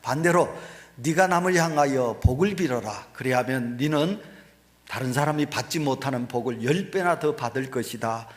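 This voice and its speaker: A man voicing a gentle mother teaching her young son, in a calm, instructive storytelling tone. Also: medium pitch, normal speed, big-room sound, close to an everyday voice. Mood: gently instructive.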